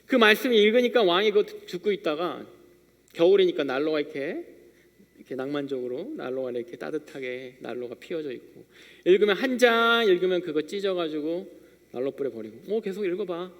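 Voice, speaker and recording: A man's voice: fairly high pitch, very animated, brisk, a bit bright. A young man preaching a youth sermon in a church. He preaches as if chatting and tells everyday stories, acting out short bits of dialogue. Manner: conversational storytelling preacher, acting out little dialogues. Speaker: youth pastor. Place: church sanctuary. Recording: long reverb of a church hall.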